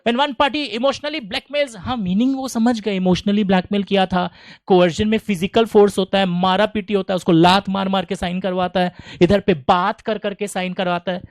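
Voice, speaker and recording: A middle-aged man with an Indian English accent teaching law to a classroom, animated and teasing, reciting definitions slowly word by word. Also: sits high, no room sound.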